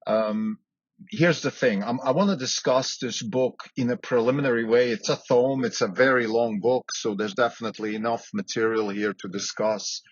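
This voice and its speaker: A man's voice: mid-range voice, fairly even intonation, normal speed, dry recording. A man who grew up in Switzerland, hosting a solo podcast and thinking aloud, with frequent fillers and restarts. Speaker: podcast host. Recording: dull lo-fi sound with faint background noise.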